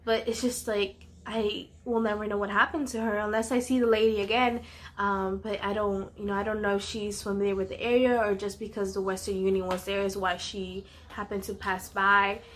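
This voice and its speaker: A woman's voice: mid-range voice, flat delivery, normal speed, fairly bright tone. A woman casually telling a personal story in a vlog, earnest and full of "um" and "you know".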